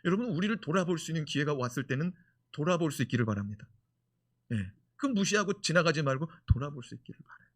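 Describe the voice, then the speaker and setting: A male pastor preaching a sermon in an animated way, full of rhetorical questions. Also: a little high, quick pace.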